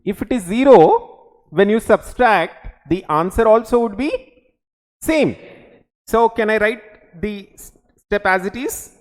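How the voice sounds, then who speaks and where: A man's voice: high voice, animated, unhurried, pauses often. A man in his forties with a Telugu Indian English accent, teaching a class in short instructional phrases with frequent check questions, in a reverberant room. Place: indoor teaching studio or classroom.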